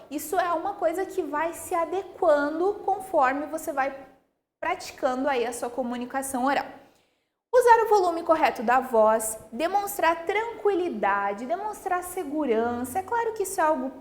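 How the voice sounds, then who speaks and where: A young adult woman with a Brazilian Portuguese accent, teaching a recorded school lesson in an explanatory way, checking in often with the pupils. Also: sits high. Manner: explanatory, frequent tag questions.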